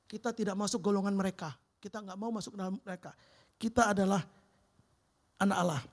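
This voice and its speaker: A middle-aged man preaching a sermon in a church and telling his own testimony in a lively storytelling way, often calling the audience "Bro". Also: high voice, brisk. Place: church sanctuary.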